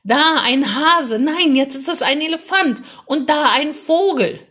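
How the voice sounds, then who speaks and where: A woman voicing an excited young boy who talks loudly and gleefully in a high voice. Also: normal speed, breathy edge. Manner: loud, gleeful, high-pitched.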